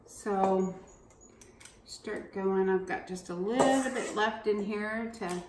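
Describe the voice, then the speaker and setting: A woman cooking show host talks viewers through a recipe in an unhurried, homey chat. She sits back from the mic in a roomy, echoey kitchen. Dishes and cutlery clink faintly behind her. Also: medium pitch, distant mic, heavy background noise. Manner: chatty, slow and homey. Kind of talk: home cooking demonstration. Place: home kitchen.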